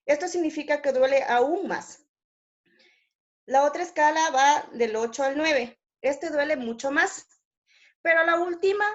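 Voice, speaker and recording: An Ecuadorian woman speaks in a high, bright register as she walks her classmates through a clinical scale. She talks in an explanatory way and keeps checking in with tag questions. The audio is muffled and lo-fi. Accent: Ecuadorian Spanish. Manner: explanatory, asks the audience, frequent fillers and tag questions. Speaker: hospital intern presenting to classmates. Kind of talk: class presentation.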